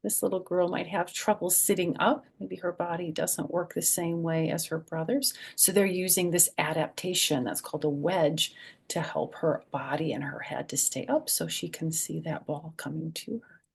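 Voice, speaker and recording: A woman with a husky, creaky voice hosts a children's storytime, reading a picture book aloud and adding chatty, simple explanations for young listeners. Her voice is on the low side, with fairly even intonation and a moderate pace.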